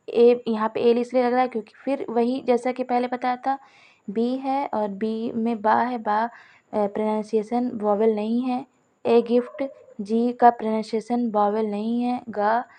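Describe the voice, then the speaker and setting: Woman teaching grammar, slightly high voice. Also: mellow. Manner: explains step by step, repeats examples, asks and answers own questions; addresses viewers as friends. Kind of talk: Hindi-language grammar lesson.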